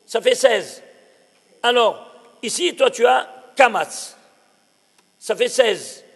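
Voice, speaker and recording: Rabbi teaching a class: very high, husky voice, emphatic, keeps quizzing the room. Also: male voice, lively intonation, slow pace, a bit bright, big-room sound. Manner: emphatic, fires rhetorical questions at listeners. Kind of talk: recorded Torah lesson.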